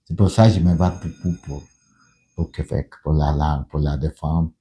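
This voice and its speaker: A middle-aged man, not a native French speaker, tells his story as a union leader and pastor in an earnest documentary interview. His very deep, dark voice keeps fairly even intonation at normal speed, broken by hesitant restarts and repeated words.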